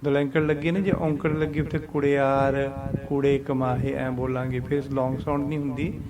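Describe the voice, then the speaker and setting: A man teaching scripture pronunciation, patiently chanting verses slowly and explaining them. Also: mid-range voice, little pitch movement, a crowd in the background.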